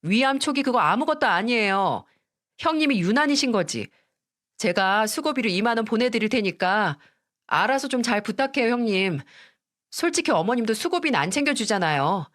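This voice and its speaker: A woman's voice: on the high side, lively intonation, normal speed, pitched above the performer's own voice, lightly acted. A woman voicing a rude, selfish younger sister-in-law who talks in a sulky, dismissive tone.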